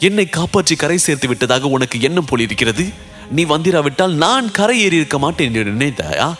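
A man's voice: fairly high pitch, very animated, a little fast, a bit bright, faint music behind, pitched above the performer's own voice. A man doing a boastful, joking young warrior. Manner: jesting, dramatic cries. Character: boastful witty young male warrior, playful.

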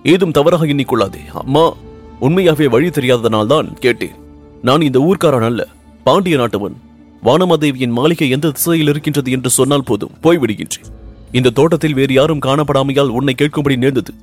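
An ardent young prince, anxious and lovesick, pleading earnestly, as a male storyteller puts him on. His voice climbs well above the reader's own and comes out louder and more urgent. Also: medium pitch, brisk, soft background music, pitched above the performer's own voice, close to an everyday voice. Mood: reassuring. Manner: earnest, pleading, rising with emotion.

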